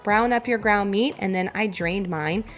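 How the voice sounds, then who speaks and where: A home cooking vlogger with a Southern US accent chats through a casual meal prep voiceover, enthusiastic and direct. Her mid-range voice is congested and giving out, and she keeps a moderate pace over soft background music.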